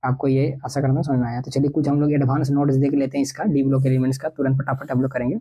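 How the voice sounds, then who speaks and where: A young man teaching chemistry for entrance exams, reading textbook lines slowly and then explaining them quickly in a mix of Hindi and English. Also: medium pitch, level tone, mellow, breathy edge, low-quality recording. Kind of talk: exam-prep lecture.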